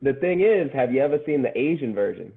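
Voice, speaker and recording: A man's voice: mid-range voice, lively intonation, fast, vocal fry, narrow, tinny audio. A man co-hosting a casual podcast, drawling slangy banter. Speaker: podcast co-host.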